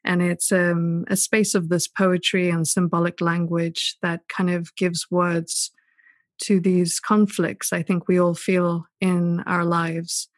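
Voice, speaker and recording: A woman from Southern Africa, a poet and author, answering interview questions in a thoughtful, gentle way. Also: lowish voice, flat delivery, slow, dry recording. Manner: thoughtful, gentle, with many "sort of" hedges. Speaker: podcast guest, poet and author.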